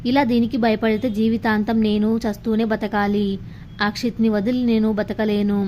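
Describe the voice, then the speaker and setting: A woman narrating a scripted story in a steady, descriptive way. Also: medium pitch, normal speed, a little hiss or hum.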